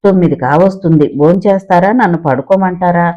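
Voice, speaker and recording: A man's voice: high-pitched, fairly quick, lo-fi sound, close to an everyday voice. A man voicing an annoyed older housewife who complains to her husband. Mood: peeved. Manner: complaining, peeved.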